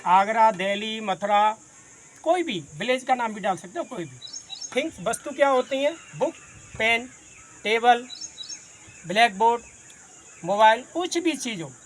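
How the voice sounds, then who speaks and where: A man's voice: extremely high pitch, fairly bright tone, slight background noise. A man from Agra, India, teaching a grammar class in a patient way, explaining by listing many examples and calling his students "son". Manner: says he talks fast.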